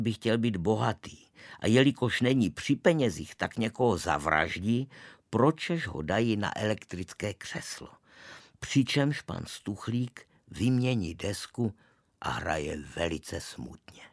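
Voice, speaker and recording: A man reading a story aloud in the first person, in a measured, wry storytelling manner, close to the mic. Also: lowish voice, lively intonation, dry recording. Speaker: narrator. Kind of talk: audiobook reading.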